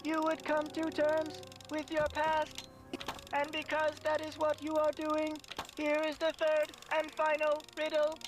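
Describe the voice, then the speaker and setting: A too-smooth android memory machine. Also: female voice, sits high, completely flat delivery, a little slow, over music. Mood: solemn. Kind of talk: video game voice acting.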